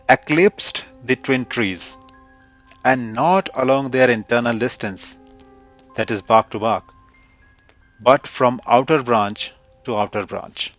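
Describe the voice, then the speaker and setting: A man from India, narrating an audio story in a measured, reflective way. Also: mid-range voice, a bit bright. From India, Kumaon Himalayas.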